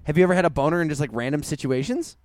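A man's voice: a little high, racing, a little mellow. Teasing, foul-mouthed man. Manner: teasing, swearing, laughing often. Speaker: podcast co-host. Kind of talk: crude casual chat.

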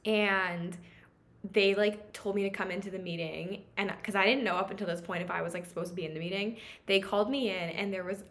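Bright young woman telling stories. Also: mid-range voice, steady tone, fairly quick. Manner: rambling, filler-heavy, laughs while telling stories. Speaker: podcast co-host. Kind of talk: casual storytelling chat.

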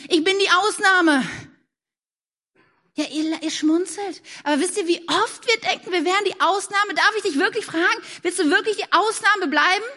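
A woman preaching a sermon, moving between animated questions and hushed, soft-spoken passages. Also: very high-pitched, brisk, few pauses.

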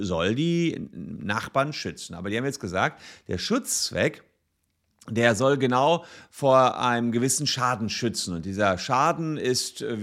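A man's voice: fairly low pitch, fairly bright tone. A man hosting a vlog, explaining a court ruling casually, step by step with fillers and restarts. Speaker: legal explainer, channel host.

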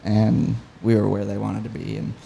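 A man's voice: fairly low pitch, moderate pace, gravelly, slight background noise. A man telling a story as a podcast guest, in a casual, enthusiastic way. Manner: enthusiastic, animated retelling. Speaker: podcast guest, hunting guide.

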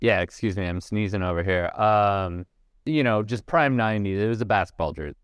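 A man with a low, smooth voice jumps into a podcast chat with eager stories. His tone is resonant and the recording dry and close. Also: a little fast, no room sound. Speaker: podcast co-host.

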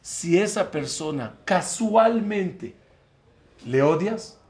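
A man's voice: high voice, expressive, slow, a little mellow. A man, a rabbi, giving a Torah lesson to a class, putting questions to his listeners and acting out the dialogue in the stories he tells. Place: room with a live class.

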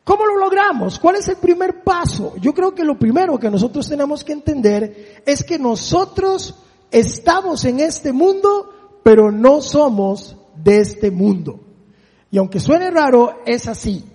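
A man's voice: very high voice, expressive, measured pace, a little mellow. A man in his forties preaching a sermon, emphatic, putting rhetorical questions to his listeners. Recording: long reverb of a large hall.

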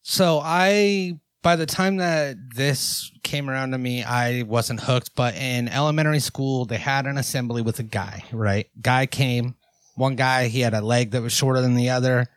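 A man's voice: mid-range voice, fairly even intonation, normal speed, smooth, no echo. A man in his thirties with a mid-range voice, recorded close and dry. He chats casually like a comedy podcast host, spinning joking stories with some swearing. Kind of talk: casual chat and anecdotes.

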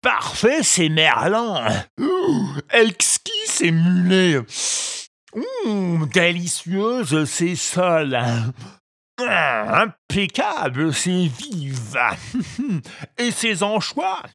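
A man's voice: sits high, very animated, drawn-out words, gravelly, fairly bright tone, no room sound, studio quality, voice pushed up, heavily acted. A man doing a gloating green ogre fisherman. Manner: gloating, sing-song, cackling.

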